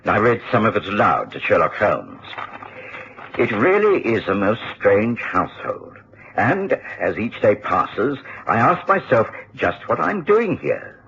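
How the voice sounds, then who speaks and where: An actor playing a genial, earnest middle-aged gentleman doctor with a Received Pronunciation accent, telling his adventures in a radio drama in a measured, expressive way. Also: lowish voice, gravelly, heavily acted. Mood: intrigued, uneasy. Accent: British Received Pronunciation. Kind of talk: radio drama narration and dialogue. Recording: dull, faintly noisy old radio recording.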